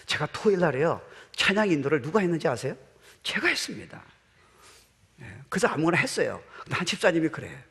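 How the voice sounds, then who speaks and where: A middle-aged male pastor preaching a sermon in a church, animated, slipping in English phrases and shouting amens. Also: fairly high pitch, fast talker, few pauses, breathy edge, in a large hall. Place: church sanctuary.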